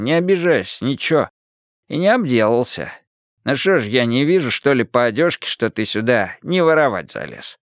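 A man's voice: fairly high pitch, no room sound, clean studio sound, pitched above the performer's own voice. A man voicing a cranky old male watchman who mocks and barks orders, in an audiobook. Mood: friendly. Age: older. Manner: shouting, mocking, bossy. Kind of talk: audiobook character voice.

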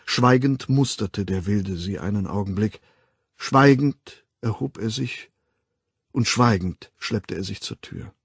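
A man reading a novel aloud as an audiobook narrator in a measured, expressive way. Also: on the low side, gravelly, breathy edge, no room sound, studio quality.

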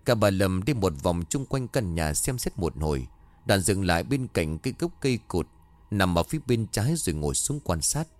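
A man narrating a horror story in a dramatic, expressive way. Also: sits low, normal speed, no room sound. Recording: faint background music.

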